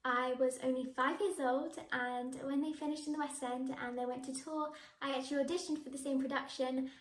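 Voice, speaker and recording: In an echoey room, a young actress in her teens eagerly discusses her acting work to camera, laughing frequently. Her voice is high, her tone steady, and her pace brisk.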